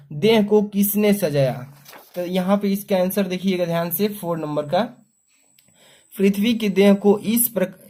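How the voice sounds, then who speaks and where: A young adult male teacher walking students through an exam paper, explaining step by step and reading verse aloud slowly. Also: high voice, a little mellow. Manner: explanatory, repeats "ठीक है" and "देखिए", slows down to read verse aloud; clears throat often.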